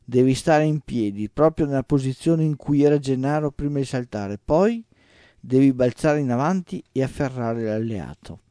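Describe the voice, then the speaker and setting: A man's voice: medium pitch, normal speed, dark tone, clean tone, no room sound, natural voice. A man reading as a dry, wry old sorcerer. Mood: dry, instructive.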